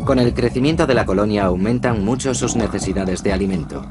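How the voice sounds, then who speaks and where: A man narrating a nature documentary from a script in a measured, explanatory manner. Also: on the low side. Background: music.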